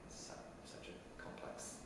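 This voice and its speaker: A man from Taiwan, a musician in an interview, speaking in a soft-spoken and thoughtful way. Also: normal speed. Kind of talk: casual conversational interview. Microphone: video call. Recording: echoey room, distant mic, audible noise.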